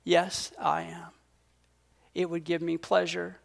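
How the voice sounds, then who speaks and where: A man voicing Jesus as a humble, gentle young man speaking softly. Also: sits high, normal speed. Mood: resolved.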